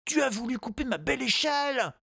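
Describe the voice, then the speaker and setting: A man reading a storybook, voicing a small, gentle and determined boy in a high childlike voice. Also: expressive, brisk, creaky, husky, no echo, studio quality, heavily acted. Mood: startled. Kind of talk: audiobook character voice.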